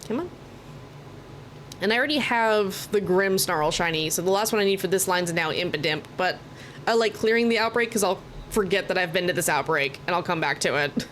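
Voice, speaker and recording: Her voice sits on the low side but has lively intonation and a fairly bright tone as she talks fairly quickly. This American woman from Oklahoma livestreams a game, rambling chattily, sounding a bit tired and occasionally swearing. There's noticeable noise behind her mic.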